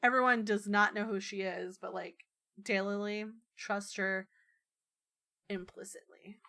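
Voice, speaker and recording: Casting: an unhurried woman game master with a mid-range voice, easygoing and full of fillers. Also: mid-range voice. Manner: relaxed, with many ums and uhs. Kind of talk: running a tabletop game.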